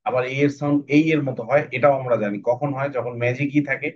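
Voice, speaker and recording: A man teaching children an English phonics lesson online, repeating each word slowly for them to copy. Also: mid-range voice, fairly even intonation, lo-fi sound. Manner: slow, repetitive drilling of words. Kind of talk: phonics lesson to children over a video call.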